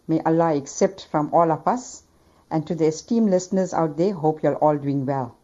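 A low-voiced woman speaks in a recorded voice message played back over the air. Her tone is mellow and earnest as she offers advice, and the sound is dull and lo-fi. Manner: earnest, gives advice with Islamic phrases. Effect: voice message played over the radio. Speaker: listener giving advice. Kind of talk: recorded voice note read out as advice.

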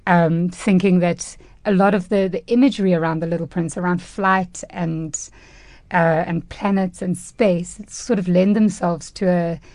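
Female radio guest from South Africa, thoughtful, steady mid voice, dry close mic. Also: fairly low pitch, moderate pace, no echo. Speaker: head of a theatre training space.

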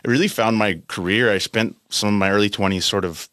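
A man in his late thirties from California, a company's country head, speaks casually as an interview guest in a studio with an American accent. His voice is fairly low, a bit bright and quick-paced. The recording is dry.

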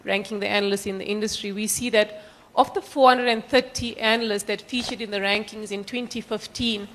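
Croaky, congested woman presenting. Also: medium pitch, fairly bright tone. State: croaky from post-nasal drip. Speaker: panelist from a brokerage. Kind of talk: panel presentation of statistics.

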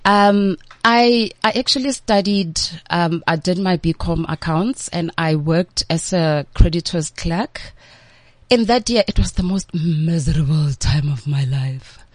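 Speaking a little slowly in a fairly low voice, this interview guest from Limpopo, South Africa, who works as an MC and entertainment entrepreneur, keeps her replies casual and talkative. She mixes in the odd word from a local language, and there's no room sound.

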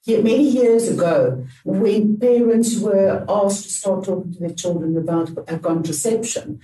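A woman's voice: medium pitch, measured pace, dark tone. A woman with a South African accent, hosting a panel discussion as a radio talk show host. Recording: roomy, distant mic, faint background noise.

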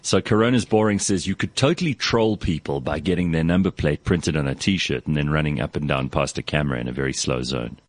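A man's voice: very deep voice, a little fast, hardly any pauses, dry recording. A man hosting a show, chatting casually and teasing his co-hosts with mock outrage. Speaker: radio host. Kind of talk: casual banter.

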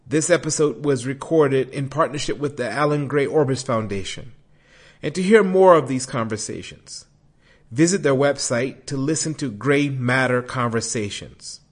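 A man hosting a podcast, delivering a scripted introduction and interview questions with emphatic, dramatic pauses. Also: medium pitch. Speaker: podcast host.

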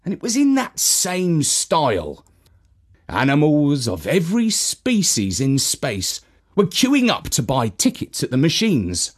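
Man reading a kids story, slow and bouncy, voice goes way up and down, music in the background. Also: a little high, slightly rough. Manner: playful, expressive. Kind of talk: children's story narration. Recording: narration over music.

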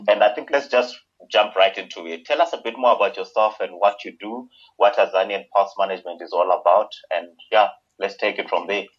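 A man hosting a podcast conversationally, with a husky, rough-edged voice. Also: on the low side, brisk, hardly any pauses. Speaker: podcast host. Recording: dull lo-fi remote call audio.

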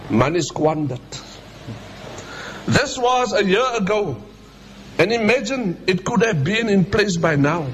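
A man's voice: sits high, expressive, takes it slowly, long pauses, fairly bright tone, slight background noise. A man with a Cape Town South African accent preaching a colloquial Friday sermon, impassioned and addressing his listeners directly with rhetorical questions.

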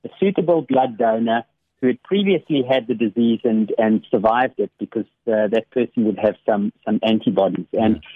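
A man's voice: lowish voice, moderate pace, no echo. Earnest man telling a story over a phone line. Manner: earnest storyteller, many small restarts, laughs easily. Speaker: radio guest, academic devotional speaker. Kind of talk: warm conversational devotional reflection. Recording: dry, phone-like radio line.

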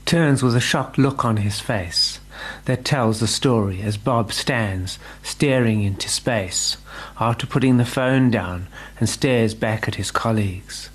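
A man presenting and reading a radio drama as its storyteller, in a steady, even delivery. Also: medium pitch, measured pace, slightly rough. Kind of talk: scripted radio drama narration.

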